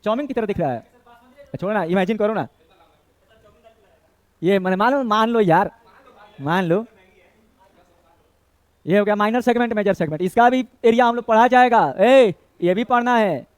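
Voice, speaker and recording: A man's voice: sits high, moderate pace, long pauses, clear, resonant tone. A man teaching a maths class, chatty, joking with and scolding his students, dropping in Bhojpuri words. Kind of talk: classroom lesson.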